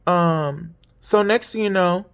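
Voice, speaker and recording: A tired woman telling a long story in a rambling, candid way, swearing freely and jumping up in pitch whenever she quotes someone. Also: slow, clean tone. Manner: jumps high when quoting others; putting on false lashes while talking. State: tired, yawning. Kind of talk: casual storytime monologue.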